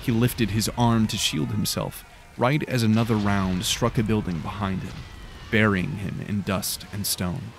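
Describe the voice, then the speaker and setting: A man with a fairly low voice narrates a dark fantasy story in a measured, grave manner. His reading is scripted and steady, and he lets the descriptions settle as he goes. It sounds like a polished audiobook performance. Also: vocal fry, a little hiss or hum.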